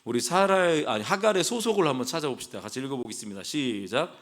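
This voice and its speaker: A man's voice: medium pitch, expressive, quick pace. A male pastor preaching a sermon in a church, talking conversationally with the congregation, asking them questions and adding playful asides. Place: church sanctuary.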